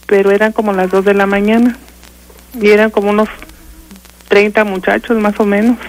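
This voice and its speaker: Older mexican lady calling a radio show, flat monotone voice, lots of "este" and restarts. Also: medium pitch, rough recording. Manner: halting, full of fillers and restarts. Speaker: caller. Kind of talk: telling a ghost story on a radio call-in.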